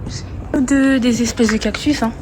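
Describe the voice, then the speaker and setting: A woman's voice: fairly high pitch, steady tone, unhurried, over music. A woman in her twenties talks casually to viewers while walking around outdoors with a handheld phone camera, chatting and making self-conscious asides. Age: 20s. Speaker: travel vlogger. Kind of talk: casual solo travel vlog. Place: outdoors, walking through parks and streets.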